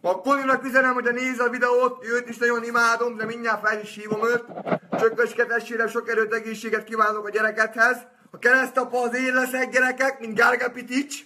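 A man on a live stream, boisterous and swearing, who turns soft and sentimental in his farewells. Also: very high voice, level tone, slight background noise. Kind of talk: rambling live-stream monologue.

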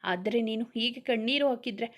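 A woman voicing a loving young husband who gently soothes his wife in a read-aloud story. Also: fairly high pitch, a little fast, lightly acted. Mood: tender. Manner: soothing, reassuring.

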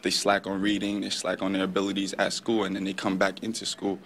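Fast, gravelly young man. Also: sits low, completely flat delivery, a bit bright. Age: young adult. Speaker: literacy counselor. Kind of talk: spontaneous interview answer. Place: indoor school corridor. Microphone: handheld reporter microphone. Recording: faint background noise.

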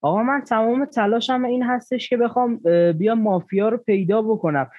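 High-voiced man pleading his case. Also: dry recording, dull audio. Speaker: game player. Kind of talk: arguing in a party game.

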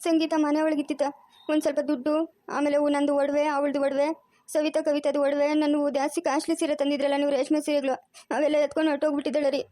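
A woman voicing a loud, frantic grandmother who scolds and wails, with a rural Chikkaballapur Kannada accent. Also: sits high, level tone, fast, no echo, clean studio sound, natural voice. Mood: pleading. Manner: scolding, wailing. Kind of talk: cartoon voice acting.

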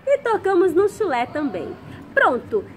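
Uma professora de música dando aula para crianças pequenas, explicando com calma e paciência, passo a passo. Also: female voice, very high voice, unhurried. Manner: gentle, patient, explains step by step. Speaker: music teacher for young children. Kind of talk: children's music lesson. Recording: noisy background.

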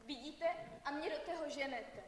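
A woman's voice: sits high, natural voice. A young woman acting a stubborn, desperate village girl pushed toward marriage, pleading and declaiming on stage. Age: young adult. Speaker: stage actor. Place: theatre stage. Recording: echoey theatre hall, distant mic, faint noise.

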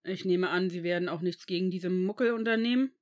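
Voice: medium pitch, brisk, lightly acted. A reader voicing an angry, protective male potions master in a fan fiction audiobook, cutting and indignant. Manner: cutting, indignant, shouting at times.

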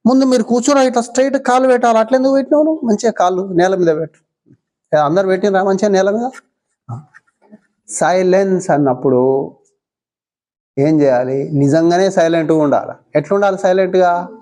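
A woman's voice: mid-range voice, fast talker, dark tone. A woman with a Telangana Telugu accent teaching young schoolchildren in a classroom, coaxing them with many short questions. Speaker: visiting mindfulness teacher.

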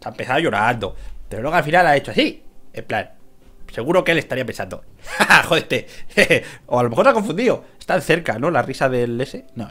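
A man from Spain giving casual gameplay commentary, excitable, shouting at the game, cursing and laughing as he plays. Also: mid-range voice. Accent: Spain Spanish. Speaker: gaming youtuber.

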